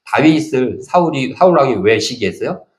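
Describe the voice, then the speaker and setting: A man's voice: medium pitch, fairly quick. A man preaching a sermon as pastor, talking animatedly and acting out the lines he quotes. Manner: animated, acts out quoted speech. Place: church sanctuary. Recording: echoey church hall.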